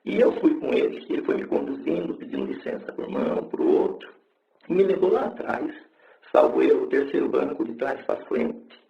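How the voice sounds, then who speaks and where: A man's voice: mid-range voice, animated, moderate pace, gravelly, roomy sound, muffled recording. A man giving a fervent religious testimony to a congregation, telling his story and rising into exclaimed praise. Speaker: church member giving testimony.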